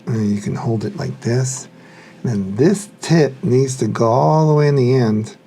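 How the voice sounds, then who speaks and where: Muttering to himself while his hands are busy, a man offers relaxed unboxing commentary as a hobbyist reviewer. He speaks at a moderate pace in a mid-range, dark-toned voice, and there's a slight hiss or hum.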